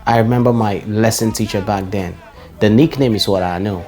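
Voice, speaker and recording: A Nigerian man in his forties talking in a personal vlog, looking back nostalgically on his childhood neighborhood and listing names and shout-outs. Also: on the low side, normal speed, faint music behind. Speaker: vlogger.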